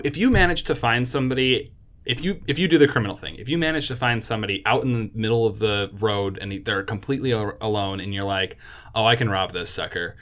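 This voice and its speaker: A man co-hosting a video game review podcast, chatting casually with fillers and frequent laughs. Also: mid-range voice. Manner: relaxed, laughs often, trails off with fillers. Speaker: podcast co-host.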